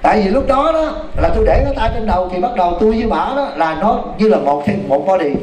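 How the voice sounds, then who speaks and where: A man's voice: high-pitched, fast, crowd noise. A man, a Buddhist monk, telling a story in a dharma talk and calling out to his listeners. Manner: animated, exclaims to the audience. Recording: echoey hall from far off, noisy.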